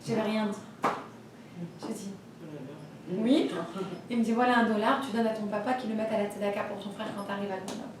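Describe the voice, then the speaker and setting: A woman teaching a religious class, telling stories in a lively way and acting out the voices of the people in them. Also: mid-range voice, fairly quick, pauses often, noisy background. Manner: lively storytelling, acts out voices. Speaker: Torah teacher. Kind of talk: storytelling class. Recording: echoey room, voice from far off.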